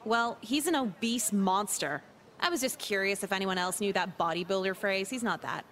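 An actress voicing an apathetic, sarcastic teenage girl in a video game, deadpan and crude. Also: mid-range voice, normal speed, slight background noise, close to an everyday voice.

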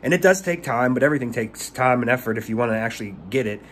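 In a casual talking-head vlog, a man in his thirties who runs a pressure washing business offers rambling tips, tripping over and repeating words. His mid-range voice is animated, quick and fairly bright, with a little hiss or hum. It's shot on a phone held at arm's length in a small room.

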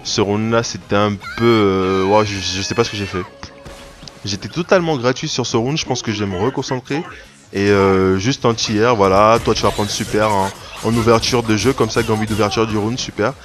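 A man talks through his online fighting game matches in loose, rambling commentary. He restarts sentences often and bursts out when something surprises him. Loud game music plays under his voice. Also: lowish voice, moderate pace. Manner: rambling play-by-play with frequent restarts and sudden excited outbursts. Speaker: gaming video creator. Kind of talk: casual gameplay commentary.

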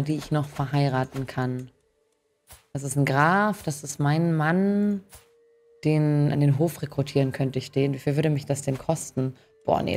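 Game music plays behind a young woman streamer whose voice is low and a little mellow. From her indoor setup, she chats casually about her gameplay using youthful slang and colloquial speech.

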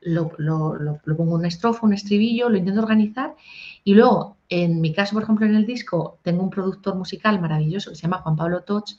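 A woman, a singer-songwriter and music teacher talking casually in an interview, animated and chatty. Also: mid-range voice, fast. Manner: animated, sings short improvised snippets. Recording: dull lo-fi audio.

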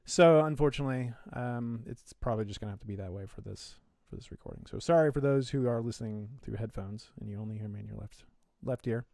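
A man's voice: fairly low pitch, fast, creaky, hardly any pauses, warm tone. A man co-hosting a tech live stream in casual chat from his home office, hesitant and full of fillers, his audio coming through the left channel only. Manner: hesitant, with many fillers and restarts. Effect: audio heard in the left channel only.

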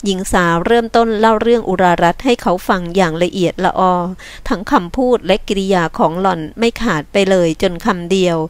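A woman narrates a novel in a measured, literary reading style. Her voice sits at a middle pitch. The recording is dry and close. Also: no echo. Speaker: audiobook narrator.

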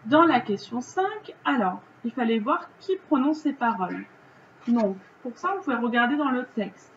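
A French woman teaching children, her voice pitched a little high, working through the answers slowly and patiently. The recording sounds a bit dull, with a faint hiss behind her. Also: animated. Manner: slow, patient, explaining step by step. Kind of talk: reading lesson correction for children.

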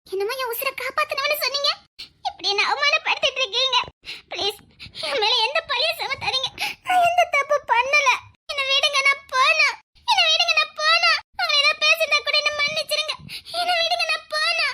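A woman's voice: extremely high pitch, fast. A woman with a Tirunelveli accent playing a young daughter-in-law who protests being wrongly accused, pleading and laughing through her lines. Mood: tearful pleading. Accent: Tirunelveli Tamil. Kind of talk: comedy skit acting.

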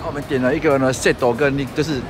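A man's voice: mid-range voice, steady tone, brisk. A man with a Taiwanese Mandarin accent chatting through a casual travel vlog, narrating food and shops as he walks a city street. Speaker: vlogger. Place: busy city street outdoors. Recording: street crowd and loud music behind.

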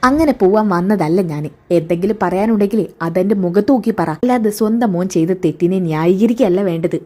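A woman voicing a middle-aged mother who is suspicious and defiant, throwing sharp, probing retorts in a storytelling retelling of a TV serial. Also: medium pitch, fairly quick, close to an everyday voice.

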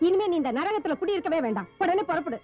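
A woman's voice: very high-pitched, very animated, quick pace, soft background music. A fierce scolding mother. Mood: scornful. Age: middle-aged. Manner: sharp, scornful tirades. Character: fierce middle-aged mother, bitter and scolding. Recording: dull old film soundtrack.

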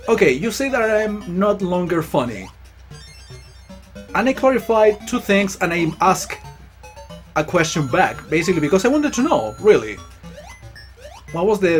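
A Chilean man whose first language is Spanish, speaking English with a Chilean accent, hosting a gaming stream and talking in a reflective, rambling way with frequent restarts. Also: high voice. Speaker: gaming channel host. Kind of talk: casual live-stream commentary while playing.

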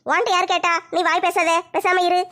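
A woman playing a sharp-tongued, bossy middle-aged mother in a comedy skit, scolding and giving orders. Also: extremely high pitch, level tone, brisk. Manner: scolding, commanding.

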